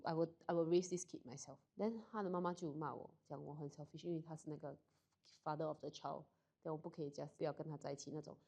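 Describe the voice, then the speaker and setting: A woman's voice: low voice, steady tone, fast, vocal fry, warm tone. A young woman guest telling a personal story candidly, switching between Mandarin and English mid-sentence.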